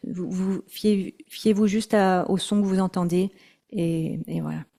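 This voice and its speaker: A woman teaching mantra chanting in an online workshop, speaking gently with many hesitations and repeated words. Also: medium pitch, steady tone, measured pace, creaky. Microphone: video call.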